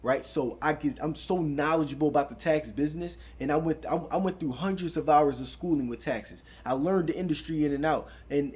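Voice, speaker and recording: A young man telling a personal business story in a casual, animated way. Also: fairly high pitch. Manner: animated, conversational, says "yo" and "right?" often.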